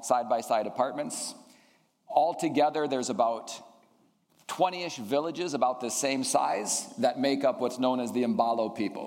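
A math teacher in his fifties, raised in Indonesia, gives an earnest, reflective chapel talk to students and the school community, saying "um" frequently. His mid-range voice has a darkish tone, and a long hall reverb trails his words.

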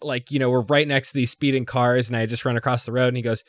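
A man's voice: mid-range voice, fairly even intonation, quick pace, dry recording. A young man in casual chat, telling a story in a rambling way with lots of restarts, laughs and swearing.

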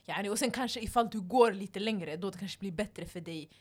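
A woman's voice: mid-range voice, breathy edge. A young woman telling a story to friends, filling her speech with "like" fillers and some English words. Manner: storytelling with many fillers like "så här". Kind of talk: casual group chat.

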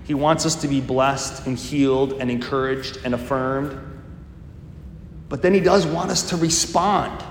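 In an echoey church with long reverb and faint ambience, a priest in his fifties delivers a homily in a conversational, storytelling style. He speaks at medium pitch and a measured pace, with a slight hiss or hum on the recording.

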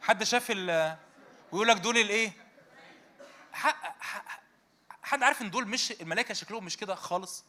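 A man's voice: high voice, fast talker. A man in his thirties or forties with an Egyptian Arabic accent, preaching a conversational sermon to a youth meeting and firing rhetorical questions at his listeners. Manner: animated, fires rhetorical questions at the audience.

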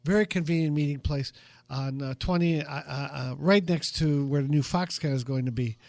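A man's voice: on the high side, normal speed, gravelly, darkish tone, dry recording. A man hosting a radio show about retirement investing, chatting loosely with plenty of fillers and self-deprecating jokes. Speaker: investment firm head, show host. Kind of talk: casual radio talk. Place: radio studio. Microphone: studio microphone.

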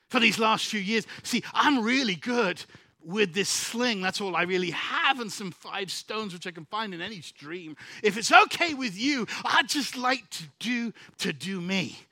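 A humble young shepherd-warrior , as a preacher puts him on, explains himself with plain earnestness. The voice sits high and bright. It is recorded close and dry. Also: male voice, no echo, exaggerated voice.

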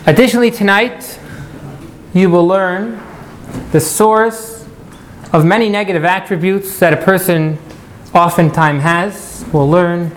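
Higher-pitched man teaching a class, noisy recording. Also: fairly even intonation, a little slow, pauses often. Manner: asks questions, polls the room, repeats key points. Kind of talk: teacher to class, interactive lecture with questions to students.

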